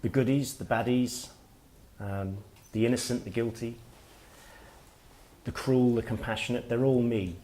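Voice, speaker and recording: A middle-aged man, an author giving a workshop talk, speaking in a reflective, halting way as he thinks aloud. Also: mid-range voice, fairly even intonation, dark tone. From Wales. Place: workshop room with listeners.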